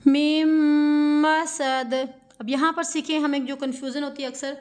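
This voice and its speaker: A woman's voice: sits high, steady tone, fast talker, fairly bright tone, soft background music. A woman Quran teacher with a Pakistani Urdu accent, giving a patient step-by-step recitation lesson that spells out sounds syllable by syllable and poses questions to her students.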